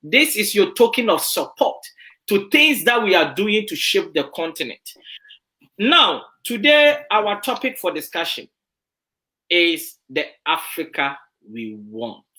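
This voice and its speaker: An online talk show host leads the interview, voice bright and sharp. The pitch moves a lot as they speak. They repeat words for emphasis and ask questions directly. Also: big pitch swings, a little slow.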